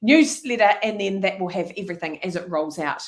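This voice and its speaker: A middle-aged woman, an energetic leadership speaker talking as an interview guest. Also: mid-range voice, a little fast. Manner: energetic, animated storytelling. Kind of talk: conversational interview.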